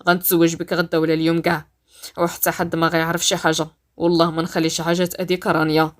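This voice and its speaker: A woman with a Moroccan accent voicing an angry, forceful young man in a told story. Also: lowish voice, rapid-fire, pitched below the performer's own voice, lightly acted. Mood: reassuring. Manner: shouting in anger, then steady and insistent. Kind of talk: storytelling voice-acting.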